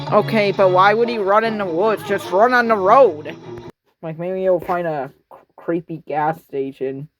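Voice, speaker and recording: A man's voice: fairly high pitch, fairly bright tone. A young man giving casual, sarcastic commentary on a horror movie, rambling and mocking as he watches. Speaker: reaction video host.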